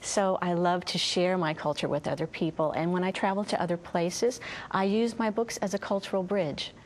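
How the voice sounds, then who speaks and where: A woman's voice: steady tone, moderate pace. A woman from Louisiana with a Southern US accent, speaking conversationally as an interview guest. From Louisiana, USA. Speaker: guest, children's author and musician. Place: TV studio. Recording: low rumbling background noise.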